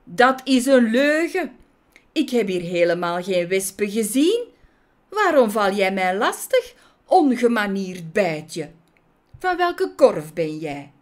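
A woman voicing a stern, pompous old male bee judge who scolds loudly and indignantly. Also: lowish voice, sing-song, slow pace.

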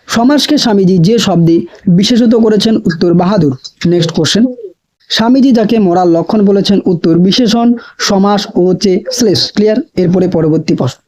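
A man teaching, reading exam questions and their answers aloud in a brisk, repetitive quiz drill and checking that students follow. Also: high-pitched, mellow. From West Bengal, India.

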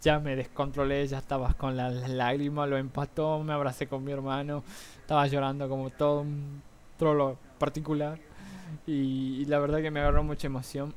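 Excitable young Argentine man vlogging. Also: a little high, clear, resonant tone. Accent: Argentine Spanish. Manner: excitable storyteller, mimics noises and shouts. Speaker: gaming vlogger. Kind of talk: casual chat to viewers. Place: room at home with a fan running. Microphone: cheap desktop mic. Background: faint fan hum.

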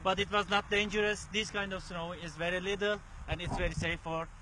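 A tandem paragliding pilot, giving short repeated commands and chatting in simple English outdoors. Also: male voice, high voice, level tone, brisk. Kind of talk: casual instructions and chat. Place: outdoors on a hillside and in flight. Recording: windy outdoor action-camera audio.

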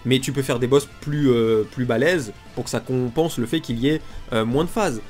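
Over background music, a man makes casual, unscripted gaming commentary full of blunt griping. Pollen allergies leave his mid-range, slightly mellow voice nasal and congested, and he talks at a normal speed.

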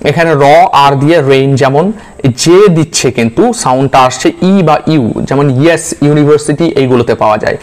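A man's voice: medium pitch, brisk. A man, teaching a slide-based pronunciation lesson, patiently repeating example sounds one by one.

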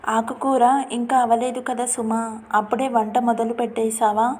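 A woman voicing a gentle, patient middle-aged mother-in-law who speaks softly and soothingly in a storybook reading. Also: on the high side, flat delivery, unhurried, natural voice.

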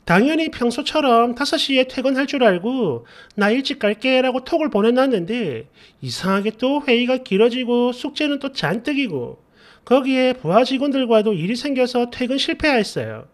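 A man narrates a community post as a first-person story, in a chatty, complaining way. His voice sits very high for a man. His pitch moves in a lively way. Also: moderate pace.

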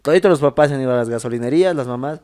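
A man's voice: mid-range voice, very fast, dark tone. A young man with a Bolivian accent, co-hosting a podcast and joking in casual slangy chat. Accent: Bolivian Spanish. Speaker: podcast co-host.

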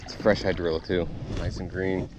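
Out fishing in a kayak, a man records laid-back vlog commentary on a body-worn action camera. His voice sits low and his delivery is flat at a moderate pace, with a noisy background behind him.

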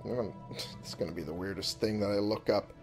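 A man giving casual, informal gameplay commentary as a host, thinking out loud, reading on-screen text and swearing freely. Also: fairly low pitch, fast, over music. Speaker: video game let's-play host.

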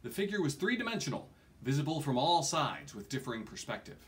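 Talking fast in a slightly high, fairly bright voice, a man in his forties reads a fantasy novel with great animation. It's an expressive, audiobook-style storytelling performance in a small room at home, with a small stumble now and then.

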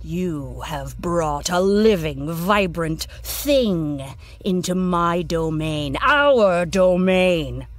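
A woman's voice: low voice, slow, no echo, faint music behind, exaggerated voice. A woman voicing a stern, disgusted male demon boss who lectures coldly in a scripted audio story. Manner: cold, scornful lecturing. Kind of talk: scripted audio drama narration.

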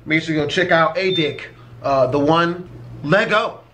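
A man's voice: on the high side, unhurried, fairly bright tone. A man hosting a casual reaction video, rambling and swearing freely as he talks. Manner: rambling, profane, easily set off. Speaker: YouTube reaction host.

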